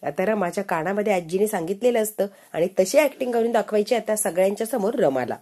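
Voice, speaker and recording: A woman with a mellow, slightly breathy voice tells the story of a TV episode casually, scene by scene. She retells what happens in the present tense and reads every character's lines herself. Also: medium pitch, expressive, fast talker. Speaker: narrator of TV serial episode recaps.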